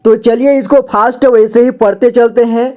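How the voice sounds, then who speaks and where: A woman teaching Hindi letters and vowel marks, explaining patiently, repeating herself and drawing out syllables slowly one by one. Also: fairly high pitch, steady tone, darkish tone, dull audio. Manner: patient, repeats "ठीक है" and "देखिए" often, drills syllables slowly. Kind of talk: slow classroom explanation.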